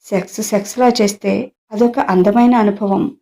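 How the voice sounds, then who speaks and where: Bitter worldly aunt, frank explaining tone, quiet mellow voice, as a woman storyteller puts her on, audio story. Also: mid-range voice, steady tone, moderate pace, close to an everyday voice.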